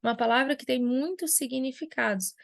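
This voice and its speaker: High-voiced teacher, patient. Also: female voice, brisk, creaky, no echo, studio quality. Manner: patient, explanatory, answers imagined student questions. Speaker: Portuguese language teacher. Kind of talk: classroom lesson at a whiteboard.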